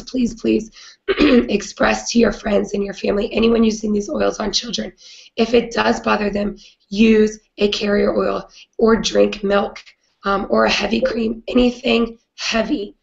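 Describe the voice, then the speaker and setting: A woman with a raspy, hoarse voice from a cold, hosting a live video chat in an earnest way with many "um" fillers. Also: medium pitch, highs cut off. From not British. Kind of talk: casual live-stream talk.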